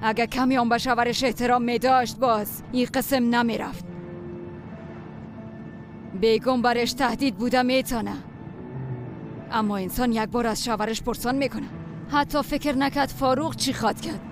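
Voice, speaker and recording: A woman's voice: on the high side, steady tone, long pauses, over music, lightly acted. An actress with a Tajik accent playing a bitter mother who complains about her daughter-in-law. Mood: scornful. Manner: scornful, complaining.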